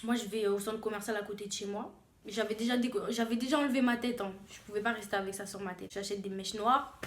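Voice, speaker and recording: A young woman telling a story on her vlog in a lively way, often repeating phrases for emphasis. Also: mid-range voice, fast. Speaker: vlogger. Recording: roomy echo.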